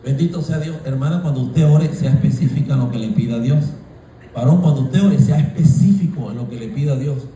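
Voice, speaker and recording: Man pastor, preaching sermon, mellow dark tone, roomy echo from distance. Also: medium pitch, fairly quick, slight background noise. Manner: preaching with rising shouts and colloquial asides. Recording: echoey room, voice from far off.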